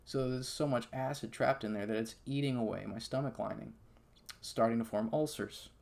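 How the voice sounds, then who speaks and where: A man casually telling the story of his own health problems in an animated, conversational way, full of fillers like "okay?" and "like". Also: mid-range voice, normal speed, gravelly. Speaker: patient sharing his story. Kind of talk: casual first-person storytelling.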